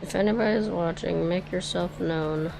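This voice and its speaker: A woman's voice: lowish voice, moderate pace, creaky, background noise. A woman streaming a racing game, chatting casually and muttering to herself as she drives and talks to chat. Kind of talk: casual livestream commentary while racing. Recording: loud background music over voice. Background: background music.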